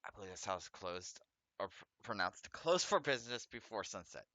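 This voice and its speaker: A man's voice: on the low side, very animated, a little fast, bright, forceful tone, no room sound. A man hosting a let's play, reading game text aloud and chatting casually, with a speech impediment that makes his S and R sounds come out a little off. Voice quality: speech impediment, trouble with S and R sounds, a slight lisp. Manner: stumbles over foreign words, self-correcting and chatty.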